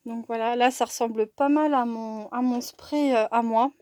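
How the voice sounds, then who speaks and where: A woman's voice: a little high, steady tone, normal speed, a little mellow, no echo. A woman chatting casually through a craft supply haul, hesitant, with many fillers and restarts. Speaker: crafting vlogger. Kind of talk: casual product haul chat.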